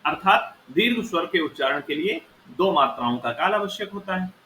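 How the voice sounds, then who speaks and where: A man's voice: high-pitched, expressive, moderate pace, pushed and bright. A man teaching Sanskrit grammar, explaining step by step and sounding out vowels aloud to show their length. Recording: echoey room with faint noise.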